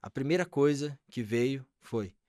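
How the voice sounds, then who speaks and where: A man's voice: mid-range voice, expressive, a little slow, a little mellow, no room sound, studio quality. A man, a podcast guest, telling an emotional personal testimony and acting out the voices in his dialogue.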